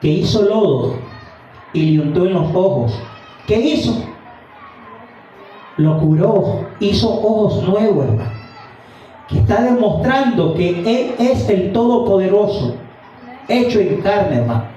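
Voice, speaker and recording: A fervent male preacher with a high, dark-toned voice and an unhurried delivery. He is heard from far off in a very echoey room, and the sound is dull. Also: very animated, a little hiss or hum. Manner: fervent, repeatedly addressing listeners as brother. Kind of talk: evening sermon with Bible reading. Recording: dull, roomy sound from a distant mic.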